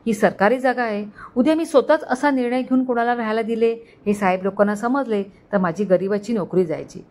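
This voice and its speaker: A woman's voice: a little high, brisk, darkish tone, close to an everyday voice. Woman narrator voicing a male servant, deferential, honest, storybook reading. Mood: worried. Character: humble honest male servant, older cook.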